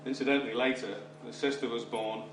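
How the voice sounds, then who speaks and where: A man's voice: mid-range voice, fairly even intonation, fast. A middle-aged or older British man giving a father of the bride wedding speech with dry, wry humour. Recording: roomy, distant microphone, clear background noise. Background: room noise and guests laughing.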